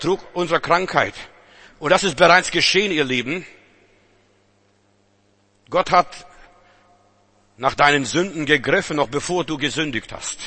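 A male preacher delivering a sermon with a bright, forceful edge to his voice. He pitches a little high for a man and fires rhetorical questions at his listeners. He swings between loud exhortation and hushed, intense passages.

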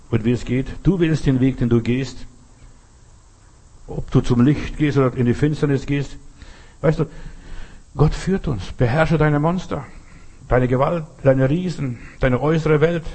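A man's voice: medium pitch, a little mellow, breathy edge. A man preaching a sermon, speaking earnestly to his listeners, addressing each one directly and repeating key phrases for emphasis.

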